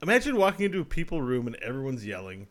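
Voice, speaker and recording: Podcast co-host, man, rambling and animated, calling in remotely, laughs a lot. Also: mid-range voice, racing. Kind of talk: casual podcast chat. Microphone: remote call.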